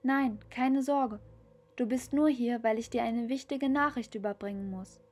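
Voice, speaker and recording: A woman voicing a tiny ghostly female kitten spirit who speaks softly, slowly and soothingly. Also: mid-range voice, soft background music, close to an everyday voice.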